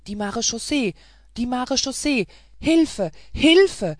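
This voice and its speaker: Woman doing steadfast old housekeeper, firm, resolute, gravelly, slow. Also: mid-range voice, no room sound, studio quality. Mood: panicked.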